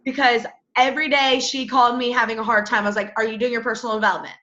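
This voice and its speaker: Woman, team coach, chatty, bright sharp voice, slightly high, muffled lo-fi call audio. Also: flat delivery, very fast. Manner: chatty, peppered with "like" and asides to the group. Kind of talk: casual motivational team call. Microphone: video call.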